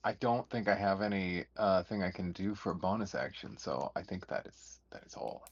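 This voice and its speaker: A man with a gravelly, husky voice talking casually and haltingly as a player in a tabletop game. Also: deep voice. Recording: dull lo-fi voice recording.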